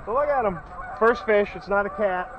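A middle-aged man from Northeast Ohio with a local accent, chatting excitedly and joking as he films a fishing trip outdoors by a lake, recorded on a bagged camera. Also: high voice, normal speed, dull audio. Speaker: fishing vlogger. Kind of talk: casual outdoor commentary. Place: lakeshore outdoors in the rain. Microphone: camera on a stand, bagged against rain. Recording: outdoor camera audio with noise.

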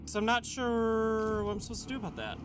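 A man giving casual, expressive commentary as he plays a video game, often talking to the game in exasperation. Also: high-pitched, brisk. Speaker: gamer, let's play host. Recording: clear game noise behind. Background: game sound effects and ambience.

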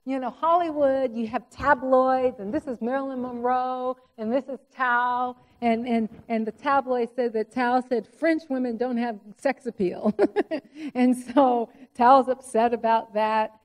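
A woman presenting at a conference, guiding the story in a lively way with many fillers. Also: a little high, a little slow. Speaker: co-presenter and moderator. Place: lecture hall. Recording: hall reverb.

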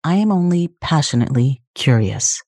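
A woman's voice: sits low, sing-song, normal speed, a little mellow, no echo, clean studio sound. A woman hosting a podcast, reading a polished introduction and then chatting eagerly with fillers. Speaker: podcast host. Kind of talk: scripted intro then interview chat.

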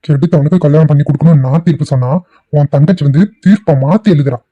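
A man's voice: on the high side, fast, no echo, highs cut off, lightly acted. A man doing a furious village headman. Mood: furious threats. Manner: shouting, threatening, scornful. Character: angry domineering village headman, older man.

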